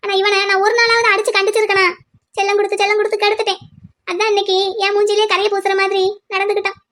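A woman's voice: extremely high pitch, completely flat delivery, fast talker, a bit bright. A woman voicing an anxious mother of two grown sons in a cartoon, lamenting and blaming herself. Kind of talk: cartoon voice acting.

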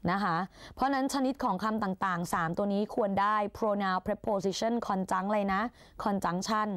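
In a Thai exam-prep lesson, a young woman tutors exam English in a chatty, playful way, acting as an older sister who coaxes her students along. Her mid-range voice is fairly bright and unhurried, with no echo.

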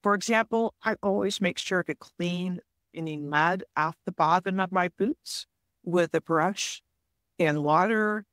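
A woman guest on a podcast interview, calmly explaining forest disease prevention in a measured, advice-giving way. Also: lowish voice, dry recording, clean studio sound. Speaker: forest health guest expert.

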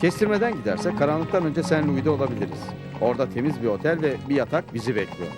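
A man playing a brave, helpful cowboy hero in a dubbed cartoon, speaking in a polite, measured and practical way. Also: medium pitch, lively intonation, loud music behind the voice, close to an everyday voice. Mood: confident, matter-of-fact. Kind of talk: cartoon dub acting.

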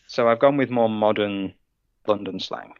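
A man hosting a slang quiz on a casual podcast, playful and quick to laugh. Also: fairly low pitch, clear, resonant tone, phone-quality sound.

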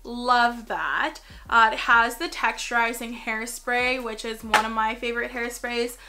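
A young woman talking at home in a chatty, excitable way, unboxing a beauty haul with slangy, self-mocking asides. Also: a little high, a little slow, background noise. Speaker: beauty vlogger. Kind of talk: casual haul vlog. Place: her home.

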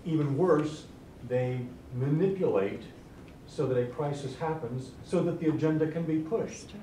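Male class member with a mellow voice who questions and challenges, heard from across an echoey room. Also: on the high side, a little hiss or hum. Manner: deliberate, argumentative, searching for words. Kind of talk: church class discussion. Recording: echoey room, mic far off.

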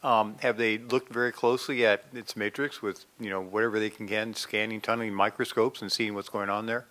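Older man, bright curious question. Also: fairly low pitch, steady tone, fairly quick. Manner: curious, searching for words. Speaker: audience member asking questions. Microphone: stand mic in the audience.

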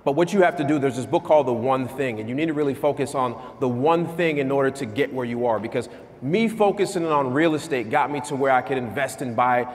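A man in his thirties giving an energetic motivational keynote on stage in a large conference hall, asking the crowd questions. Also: mid-range voice, fast. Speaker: keynote speaker. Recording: long hall reverb.

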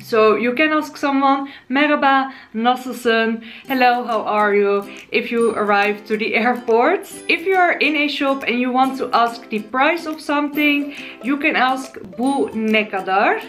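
Faint, soft music sits behind this casual vlog lesson from a Dutch woman in her twenties who teaches words on YouTube. Sitting on the sofa in her living room, facing the camera in front of her, she talks in a friendly, chatty manner with a fairly high voice and Dutch accent, slowing down to spell out each new word.

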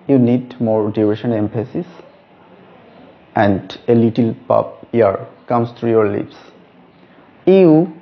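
Guy teaching the alphabet real slow, careful, kinda dull lo-fi sound. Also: mid-range voice. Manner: slow, deliberate, stresses each letter name. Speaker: English teacher. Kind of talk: teaching lesson. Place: room with a whiteboard. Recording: dull lo-fi recording.

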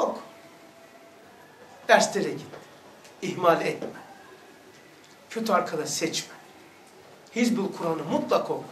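A man's voice: high voice, fairly bright tone, roomy sound, distant mic, slight background noise. A man teaching a religious lesson, exhorting his listeners and asking them rhetorical questions.

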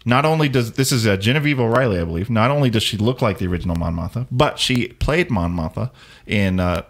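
A man's voice: lowish voice, lively intonation, fast talker. A young man hosting a casual geek talk show, joking, swearing and enthusiastic. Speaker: podcast host. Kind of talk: casual live-stream chat.

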